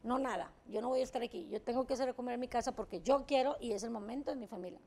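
Woman, talk show guest: high voice with gravel, blunt and emphatic, casual swearing. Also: racing, mellow. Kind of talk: candid interview storytelling.

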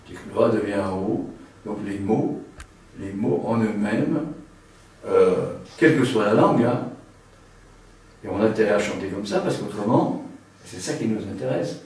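A man who sings tenor gives a seminar lecture, talking haltingly with many restarts and a frequent tag word. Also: lowish voice, a little mellow. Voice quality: trained singer's voice, a tenor. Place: seminar room. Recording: very echoey room, mic far off.

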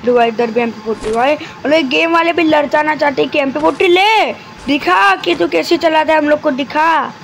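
Guy with a pretty high voice, keeps it low and soft while streaming his game, faint hiss behind. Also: creaky, rough recording. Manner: talks deliberately quiet and soft; chatty, keeps addressing viewers as guys and brother. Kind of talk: live gameplay commentary.

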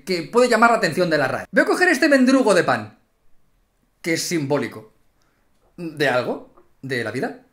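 A man's voice: fairly high pitch, fairly bright tone. A man with a Spanish accent, a YouTuber delivering a sarcastic, theatrical comedic rant. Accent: Spain.

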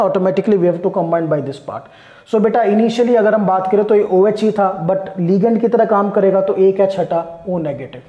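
A man's voice: high voice, warm tone, roomy sound. A man with an Indian accent giving a chemistry lecture, switching between Hindi and English and often checking that his students understand. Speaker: chemistry teacher. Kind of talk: classroom lecture.

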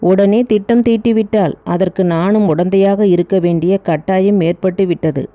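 A woman's voice: medium pitch, steady tone, moderate pace, dark tone, dry recording, close to an everyday voice. A woman voicing a remorseful young man who confesses and apologizes in a pleading way.

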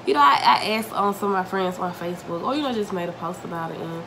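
This young woman, a mukbang vlogger, chats with viewers as she eats in her home dining room, sounding slightly congested from a cold. Her voice is lowish, expressive, and fast. A camera mic at table distance picks her up, with noticeable room noise in the home recording.

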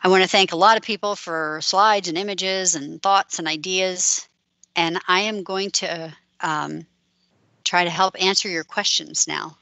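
A woman extension educator answers questions with practical, step-by-step advice. Her voice is fairly low but has a bright, forceful edge. The sound is dry and close, with no room around it. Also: steady tone, measured pace, vocal fry, no room sound, low-quality recording. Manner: practical, explanatory, plain-spoken.

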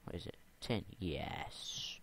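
A man's voice: takes it slowly, a bit bright, slight background noise. A young man rambling and talking to himself as he plays a game, repeating words under his breath. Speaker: gamer. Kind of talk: game commentary.

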